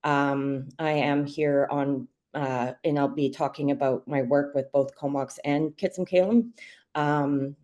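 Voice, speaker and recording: A woman's voice: deep voice, fairly even intonation, unhurried, mellow, muffled recording. A woman who works on treaty matters, opening her panel presentation in a friendly, chatty way with fillers. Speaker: treaty worker.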